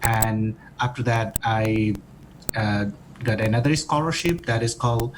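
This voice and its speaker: A man's voice: lowish voice, unhurried, rough recording. Man from Nepal, podcast guest, hesitant, lots of fillers, faint background hiss. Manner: hesitant, many fillers and restarts. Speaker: guest, doctoral student. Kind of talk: podcast interview.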